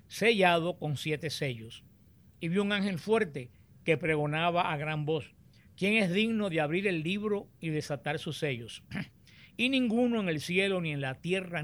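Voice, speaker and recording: A man teaching on the Bible, explaining and reading scripture aloud in a deliberate, explanatory way. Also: a little high.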